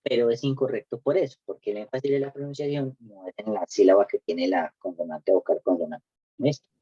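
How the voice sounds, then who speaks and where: A man's voice: mid-range voice, a little fast, dark tone, breathy edge, dry recording, highs cut off. A young man, teaching an English lesson one-on-one and explaining step by step with many fillers.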